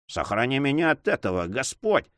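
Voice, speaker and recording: A man voicing a hypocritical old judge who talks in a drawling, flattering, prim way. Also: mid-range voice, moderate pace, dry recording, clean studio sound. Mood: offended piety. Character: hypocritical old male judge, pious and fawning.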